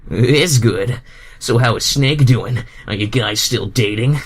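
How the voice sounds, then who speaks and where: A man's voice: mid-range voice, slow, slightly rough. A man reading the part of a friendly, laid-back hedgehog hero in fan fiction, casual and slightly stammering.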